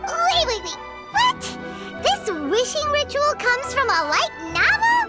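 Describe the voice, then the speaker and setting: A woman voicing Paimon, a tiny excitable fairy girl companion with a very high squeaky childlike voice, in a video game. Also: exaggerated voice. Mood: surprised. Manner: excitable, quick to exclaim. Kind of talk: game voice acting. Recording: game audio with loud music behind.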